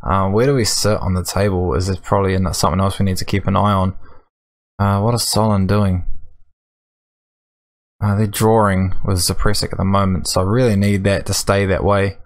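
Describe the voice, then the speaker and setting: A man's voice: low-pitched, flat delivery, normal speed. A man, giving casual, dryly grumbling commentary while playing a game. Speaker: gaming video host. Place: small room at home, indoors.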